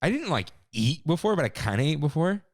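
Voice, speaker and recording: Casting note: male podcast co-host, casual and animated, very lively pitch, dry close-miked sound. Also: a little fast, no echo. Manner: animated, laughs often, acts out quotes. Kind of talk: casual chat.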